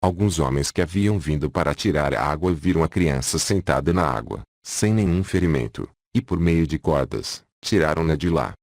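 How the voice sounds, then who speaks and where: Very deep-voiced male audiobook narrator. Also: normal speed, hardly any pauses, no room sound, studio quality. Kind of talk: scripted narration.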